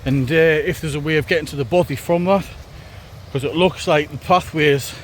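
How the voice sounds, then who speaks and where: A man with a slightly higher-than-average voice talks casually as he hikes. His delivery is wry and laid-back, with some swearing. It is recorded outdoors, with some wind and background noise. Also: normal speed. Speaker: hiking vlogger. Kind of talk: casual chat to camera while hiking. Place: outdoors on a wet, windy hiking trail. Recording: noisy, windy outdoor walking recording.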